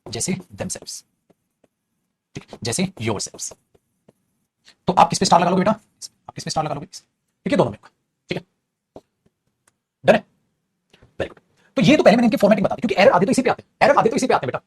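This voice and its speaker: A man teaching an English grammar class, talking quickly and chattily and calling his students "beta". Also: sits high, expressive, a little hiss or hum. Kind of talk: classroom grammar lesson in Hindi.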